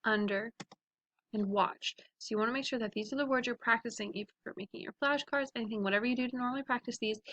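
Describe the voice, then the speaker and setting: A woman teaching a phonics lesson to young children, sounding out letters and words slowly and clearly. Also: medium pitch, sharp tone, dry recording.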